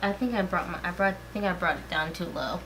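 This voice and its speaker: Tipsy giggly girl chatting over makeup, bright sharp voice, bit of room noise. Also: lowish voice, fast, low-quality recording. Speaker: vlog guest in a makeup challenge. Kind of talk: casual chat while applying makeup.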